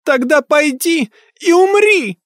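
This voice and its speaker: A man's voice: extremely high pitch, measured pace, fairly bright tone, no room sound, studio quality, voice pushed up. A man voicing the cruel, vengeful ghost of a young girl who shrieks and taunts. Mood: shrieking.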